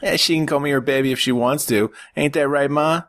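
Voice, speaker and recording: A man's voice: fairly high pitch, steady tone, fairly bright tone, no echo, clean studio sound, pitched above the performer's own voice. A man voicing a crude, pushy young mobster in his twenties. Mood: brash. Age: 20s. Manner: crude, pushy, fast-talking. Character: brash foul-mouthed young mobster brother.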